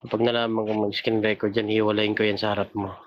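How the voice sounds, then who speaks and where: A man hosting a casual chat, answering in low-key, mumbled, rushed replies. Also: flat delivery, dull audio, noisy background. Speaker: host.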